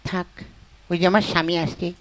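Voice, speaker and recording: A woman's voice: on the low side, fairly even intonation, brisk, background noise, natural voice. A woman doing a flustered scheming village wife. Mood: fussing. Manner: fussing, talks to herself. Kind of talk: comic folk puppet play. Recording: music playing behind.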